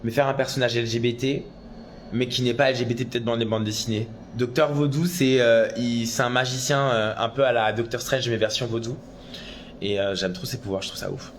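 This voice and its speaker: A man chats on a casual phone live stream, answering viewer comments as they come in. He is excitable and talkative, and he sometimes breaks into loud exclamations. His voice sits at an ordinary middle pitch for a man. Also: fairly quick, a little hiss or hum. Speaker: drag performer on a live stream.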